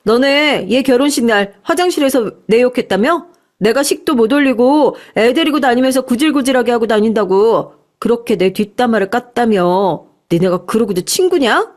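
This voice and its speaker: A woman's voice: on the high side, expressive, normal speed, natural voice. A woman doing a heated, accusing young woman. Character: angry young woman friend confronting others.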